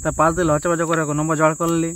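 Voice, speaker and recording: Recorded outdoors, this casual prank call features a young man from Purulia in West Bengal, India, whose rural western Bengali accent carries insistent, melodramatic pleading and arguing. His fairly bright voice is on the high side, rapid-fire and monotone. A little hiss or hum can be heard.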